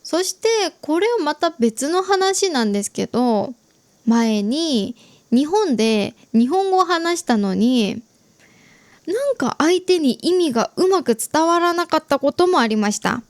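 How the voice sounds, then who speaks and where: A young adult Japanese woman hosting an easy-Japanese learning podcast, explaining gently and chatting with listeners. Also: high voice, animated, a little slow, dry recording. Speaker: podcast host teaching Japanese.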